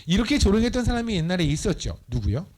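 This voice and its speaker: A man's voice: high-pitched, big pitch swings, quick pace, darkish tone. Man preaching, playful and teasing. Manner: playful, teasing the audience, acts out voices. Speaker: missionary preacher. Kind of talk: lively Bible study sermon. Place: church.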